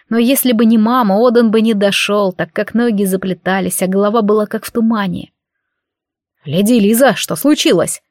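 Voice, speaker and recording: A woman's voice: medium pitch, a little mellow, no room sound, studio quality. A woman reading a fantasy novel aloud as an audiobook narrator. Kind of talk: scripted narration.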